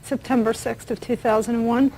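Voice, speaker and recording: A woman's voice: a little high, level tone, brisk, darkish tone, a little hiss or hum, poor audio. A woman plaintiff giving formal, composed testimony in a courtroom.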